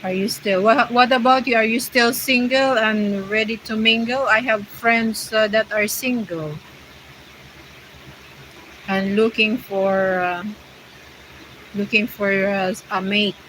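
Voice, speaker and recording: The recording is low quality, with a little hiss or hum, as a woman from the Philippines hosts her livestream. Her mid-range, slightly bright voice stays steady and slow, pausing often while she chats casually and reads viewer comments in hesitant English full of fillers, with a Filipino accent.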